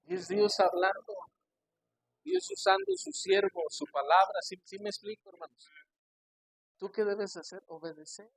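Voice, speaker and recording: A man preaching as a pastor, telling stories and acting out his church members' voices, swinging from hushed storytelling to loud emphatic preaching. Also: high voice, lively intonation, unhurried, creaky, breathy edge, dry recording, poor audio. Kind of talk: sermon.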